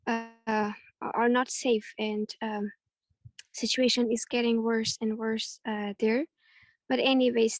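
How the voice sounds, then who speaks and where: A young woman from Afghanistan speaks earnestly as a panelist over a video call. Her voice sits slightly high with a narrow, even melody. She hesitates often, filling gaps with soft fillers, and the sound is dry and close. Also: dry recording. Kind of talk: webinar presentation.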